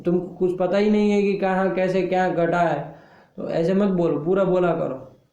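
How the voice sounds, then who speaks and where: A man's voice: high voice, steady tone, moderate pace, dark tone, reverberant, lo-fi sound. A man teaching a Sanskrit grammar class, firing questions at students and scolding them for lazy, half-finished answers.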